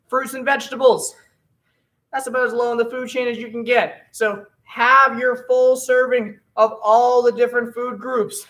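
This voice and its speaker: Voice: medium pitch, a bit bright, distant mic, poor audio. A martial arts instructor coaching an online class, upbeat and encouraging, calling out drills and counting down.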